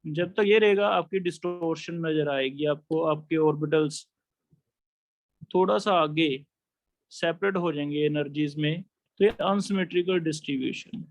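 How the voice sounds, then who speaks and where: Man lecturing a chemistry class, high voice, dry close sound, explains step by step. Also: unhurried, dry recording. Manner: explains step by step, asks students questions. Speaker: chemistry teacher.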